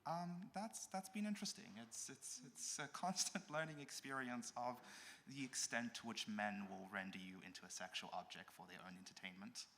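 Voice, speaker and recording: A woman's voice: very deep voice, moderate pace, hardly any pauses, a bit bright, slight background noise. A woman from Durbanville speaking as a guest on a festival panel, wry and self-deprecating, laughing as she talks. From Durbanville, South Africa. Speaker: panel guest, essay contributor. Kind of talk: live panel discussion. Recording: hall with long reverb.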